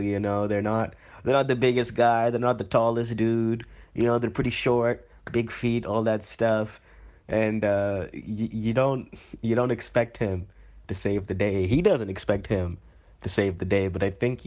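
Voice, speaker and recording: An eager caller gushes, chatty and upbeat, played by a man. His voice sits on the low side and keeps tumbling into fillers. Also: steady tone, moderate pace, darkish tone, lightly acted. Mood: enthusiastic. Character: chirpy enthusiastic male caller.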